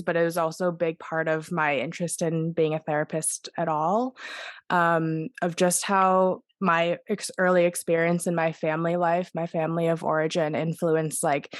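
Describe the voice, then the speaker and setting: A woman therapist reflecting on a discussion panel. Her voice is fairly low and the recording is dry and close, with no room sound. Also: dry recording. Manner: reflective, measured.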